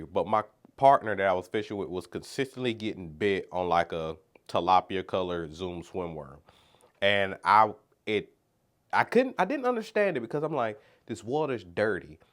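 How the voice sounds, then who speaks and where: Low-voiced, congested man chatting casually. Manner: chatty and rambling, with lots of "like" and "so". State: congested, talking through his nose. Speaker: fishing channel host. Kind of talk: casual unboxing vlog.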